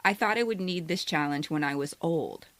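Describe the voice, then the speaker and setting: This woman in her fifties co-hosts a podcast, telling her own stories plainly: scripted essay narration first, casual banter after. Her voice is deep yet fairly bright, and her pace is moderate. The recording has no echo.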